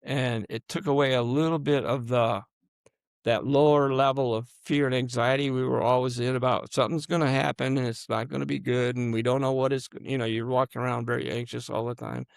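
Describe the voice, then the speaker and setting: A man in his seventies, a guest in an interview, recounting personal stories in a halting way that sinks to a near-murmur at grim moments. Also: mid-range voice, steady tone, creaky, smooth, no echo, studio quality. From United States. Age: 70s. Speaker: guest, combat veteran.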